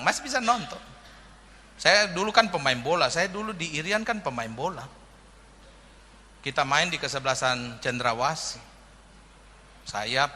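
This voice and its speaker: A man's voice: mid-range voice, sharp tone, big-room sound, slight background noise. A man preaching a sermon in a joking, humorous way, often calling out "amin" to the congregation. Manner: humorous, jokey preaching with frequent "amin" calls. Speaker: pastor.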